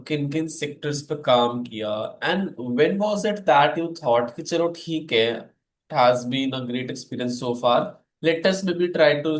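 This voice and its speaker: A young man with an Indian accent, hosting a podcast interview casually and switching between two languages. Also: on the high side. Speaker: podcast host.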